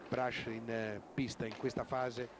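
A man giving live match commentary as a sports commentator, excited and drawing out words at goals. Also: medium pitch, unhurried. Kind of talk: live goal commentary on an Italian roller hockey match. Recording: very noisy sports hall TV broadcast.

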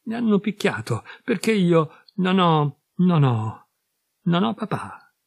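A man putting on a little boy's voice, pitched high above his own and breaking with sobs. The boy is grieving and pleading, his words halting, in a storybook reading with a husky edge and a dry, close sound. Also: very animated, dry recording, exaggerated voice. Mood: tearful. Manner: sobbing, halting child's voice.

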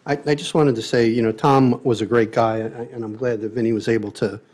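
A man, a council member, asking questions and making motions in a casual, halting way. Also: medium pitch, steady tone, darkish tone. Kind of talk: council discussion.

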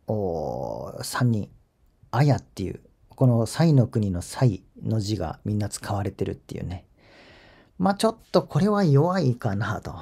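A man's voice: mid-range voice, vocal fry, mellow, husky. A man hosting a golf channel, reading viewer comments in a chatty, rambling way and chuckling at his own asides. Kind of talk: casual spoken commentary.

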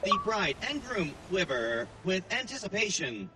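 A man voicing a solemn wedding officiant who speaks slowly and formally. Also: sits high, very animated, bright, forceful tone, exaggerated voice. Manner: slow formal ceremony speech. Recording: game audio with clear background noise.

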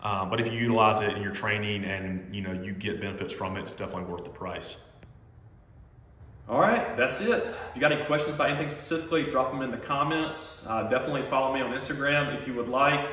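A man's voice: mid-range voice, fast talker. Chatty man in an echoey gym. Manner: relaxed, filler-heavy, chatty. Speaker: home gym vlogger. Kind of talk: casual equipment walkthrough. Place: echoey home gym room. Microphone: phone camera held while walking. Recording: roomy reverberant home gym.

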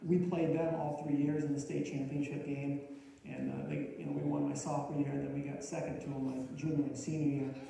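A man who is a former high school player, reminiscing casually in an interview. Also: flat delivery, fairly quick, creaky, dark tone, slight background noise. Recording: video played in an echoey room from far off.

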